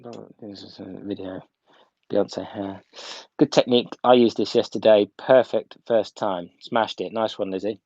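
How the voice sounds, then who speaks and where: This dry, muffled recording captures a man with a lowish, darkish voice and fairly even intonation, speaking unhurriedly. He's a hairdressing instructor at home giving a casual, step-by-step live video tutorial, repeating the main points for emphasis.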